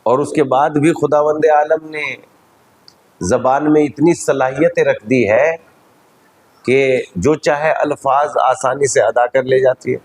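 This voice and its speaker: A man with an Indian Urdu accent, a cleric giving a measured, teacherly religious lecture at a majlis. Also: medium pitch, slightly rough, low-quality recording.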